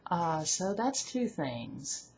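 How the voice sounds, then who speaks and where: A woman in her thirties from Alabama, with a mild Southern accent, vlogs casually to a webcam at home, speaking candidly and often correcting herself mid-sentence. Her lowish, slightly mellow voice is very animated yet extremely slow. The lo-fi webcam audio sounds dull, with a faint hiss.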